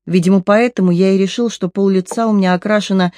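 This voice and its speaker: An audiobook narrator reading a first-person story in a measured, expressive way. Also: mid-range voice, dry recording, clean studio sound.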